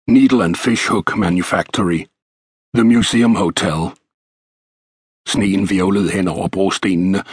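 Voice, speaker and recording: A man reading a historical novel as an audiobook narrator, in a measured, even storytelling manner. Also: deep voice, slightly rough, no echo, clean studio sound.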